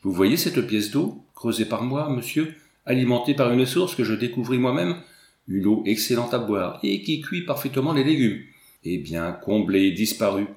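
A man's voice: medium pitch, lively intonation, normal speed, a little mellow, roomy sound, close to an everyday voice. A man voicing a small, fat, fussy landowner who laments and coaxes theatrically, in a storybook reading. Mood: lamenting.

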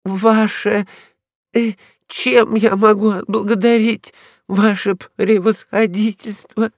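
A man's voice: high voice, steady tone, slow, gravelly, fairly bright tone, dry recording, clean studio sound, pitched above the performer's own voice, exaggerated voice. A man voicing a small, frightened, fawning male stray dog in a storybook reading, timid and servile.

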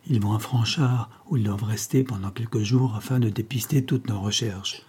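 A man's voice: on the low side, fairly even intonation, normal speed, a little mellow, husky. A man reading the part of a cold-blooded male henchman who answers his master in a subdued, deferential way.

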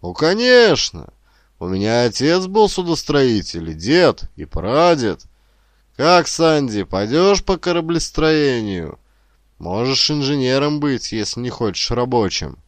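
A man doing a gruff proud old shipbuilder. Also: medium pitch, expressive, slow, no echo, voice pushed up. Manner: gruff, emphatic, lecturing. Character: stern, proud old male shipyard worker. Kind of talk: audiobook character reading.

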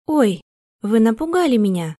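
A woman's voice: a little high, very animated, normal speed, mellow, no room sound, clean studio sound. A woman voicing a startled young woman guest who speaks nervously but firmly. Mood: alarmed. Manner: nervous, then stern.

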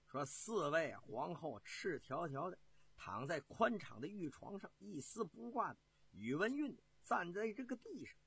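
A man telling a historical tale in a traditional storytelling performance, with animated, chatty asides to his listeners. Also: sits high, measured pace, vocal fry, slightly rough.

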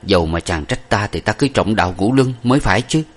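A man voicing an earnest young masked gentleman who speaks in a grave, measured way. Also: fairly low pitch, expressive. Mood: solemn.

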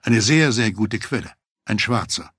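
A man's voice: lowish voice, lively intonation, a little slow, fairly bright tone, husky, no room sound, studio quality, full character voice. A man playing an eager FBI agent. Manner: eager, persuasive. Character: eager male FBI agent, talkative and excited.

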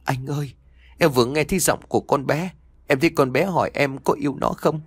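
A man's voice: mid-range voice, sing-song, quick pace, vocal fry, slightly rough, no room sound, voice pushed up, full character voice. A man voicing a grieving mother who pleads through tears in an audio story. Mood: pleading. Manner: sobbing, pleading.

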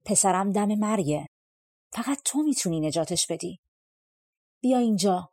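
Lady reading an anxious old storybook king, earnest and pleading, husky-ish voice. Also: mid-range voice, lively intonation, darkish tone, natural voice. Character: anxious old king seeking a content man.

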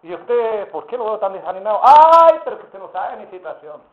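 A man voicing a self-pitying churchgoer who makes excuses with drawn-out moaning sighs. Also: high voice, sing-song, voice pushed up. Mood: whiny. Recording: tinny phone-like sound, roomy echo.

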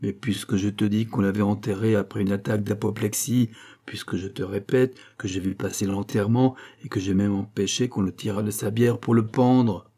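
A man reading an audiobook, voicing a stubborn, skeptical middle-aged farmer who asks gruff, dismissive questions. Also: lowish voice, steady tone, moderate pace, warm tone.

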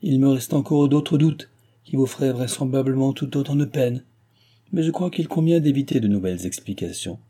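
A man's voice: mid-range voice, moderate pace, mellow, husky, pitched above the performer's own voice, close to an everyday voice. A man reading aloud, voicing an arrogant aristocratic former guardian who lectures in a haughty manner. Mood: haughty, lecturing.

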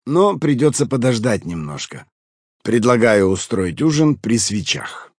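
A man voicing a calm, composed middle-aged host who speaks in a measured way in an audiobook. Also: medium pitch, husky, no echo, clean studio sound, voice pushed up. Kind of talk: audiobook character voice.

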